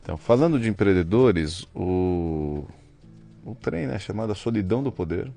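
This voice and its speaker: Gravelly, low Brazilian man, blunt. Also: moderate pace. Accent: Brazilian Portuguese. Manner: blunt and profane, excitable. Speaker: business mentor guest. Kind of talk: casual interview chat.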